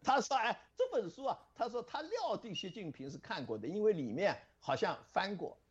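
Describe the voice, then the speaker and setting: Man musing on a lo-fi line, husky, pitch all over the place. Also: normal speed. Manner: animated, musing, with fillers. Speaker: interviewed scholar. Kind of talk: phone interview commentary.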